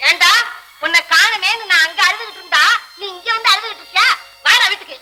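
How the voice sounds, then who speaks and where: A sharp-tongued scolding mother. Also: very high-pitched, faint music behind, full character voice. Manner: loud, scolding, quick retorts. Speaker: shop-keeping mother. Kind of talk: 1940s film acting.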